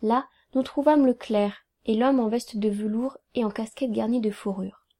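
A woman reading a novel aloud in a calm, even, quietly measured narration. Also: a little high. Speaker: audiobook reader.

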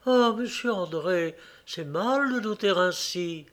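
A man voicing a gentle, shy young village woman who speaks softly and tremblingly in a read-aloud story. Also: high-pitched, lively intonation, slow, pitched above the performer's own voice, heavily acted. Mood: timid, pleading. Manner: soft, timid and trembling.

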